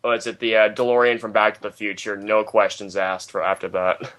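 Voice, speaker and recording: A man's voice: lowish voice, steady tone, brisk, fairly bright tone. A young man from the United States, a guest in a casual interview, rambling with many ums and eager bursts of enthusiasm.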